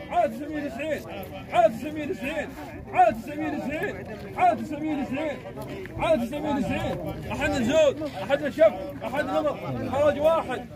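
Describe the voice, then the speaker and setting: A man with a Najdi Saudi Bedouin-style accent working as a livestock auctioneer, loudly calling and repeating bids in a chant. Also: very high-pitched. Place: outdoor livestock pen at night, crowd of men behind. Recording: outdoor market recording with loud crowd.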